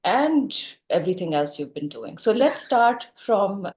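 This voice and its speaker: A woman's voice: mid-range voice, very animated, a little slow, darkish tone. A woman with a Pakistani accent, hosting an interview show and introducing her guest. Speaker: talk show host.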